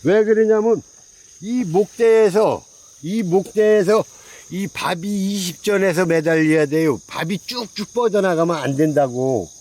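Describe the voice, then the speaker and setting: A high-pitched, mellow man walks through a casual, hands-on pruning demonstration outdoors. He talks in a folksy, repetitive way as he points at the branches. Faint crickets chirp behind him. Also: a little slow, rough recording. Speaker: pine tree grower. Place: outdoors among pine trees in the countryside.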